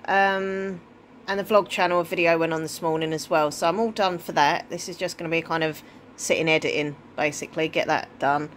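A woman with an Essex accent in her thirties, chatting casually in a rambling, informal vlog with trailing thoughts. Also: on the low side. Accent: Essex English. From Essex, England. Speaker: vlogger. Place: indoors at home, bedroom. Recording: clear background room noise, handheld home recording.

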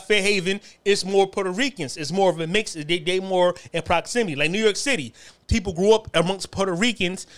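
A man's voice: high voice, fairly bright tone. A man from New Haven, telling profane, streetwise stories in a casual monologue. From New Haven, Connecticut. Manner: profane, streetwise storytelling with frequent asides. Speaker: podcast host.

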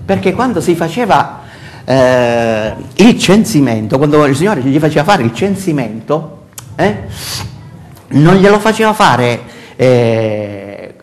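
An older man with a Sicilian Italian accent preaches to his congregation, his voice rising high and swinging widely in pitch. He speaks slowly and deliberately, throwing out rhetorical questions. He is picked up from across a church hall by a distant camera. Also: very animated, slight background noise. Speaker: pastor. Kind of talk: sermon. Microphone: far camera.

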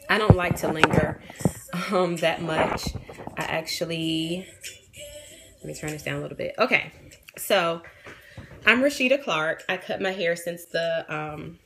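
A realtor in her thirties livestreams from her phone in a small indoor room, chatting frankly with viewers and reading out and answering their comments. Her deep voice is a bit raspy from a sinus infection, picked up by the phone's front camera at arm's length and a neckband headset, with background noise present.

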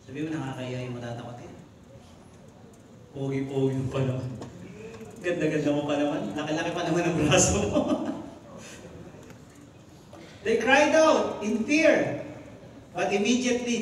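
A man preaching a sermon to a congregation, animated and switching between Tagalog and English. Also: on the high side, moderate pace, pauses often, slight background noise. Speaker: pastor. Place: church hall. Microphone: recorded from the congregation. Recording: echoey hall, far from mic.

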